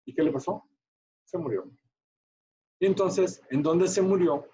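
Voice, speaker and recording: A man teaching a medical class, chatty and animated, quizzing his students as he goes. His voice sits a little high, and the audio is muffled and lo-fi. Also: unhurried. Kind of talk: online class storytelling.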